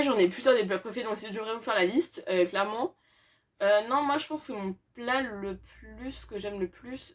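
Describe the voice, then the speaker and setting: A teenage girl chatting through a list of questions for her channel. She talks casually with many hesitations and fillers, breaking into small laughs now and then, her voice at an ordinary middle pitch. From France. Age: teens. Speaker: YouTuber. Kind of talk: casual Q&A tag video.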